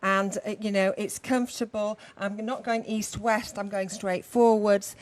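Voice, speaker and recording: A woman's voice: medium pitch, fairly even intonation, measured pace. Chatty woman giving a product testimonial. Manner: chatty, fillers like you know and um. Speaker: model demonstrating the product.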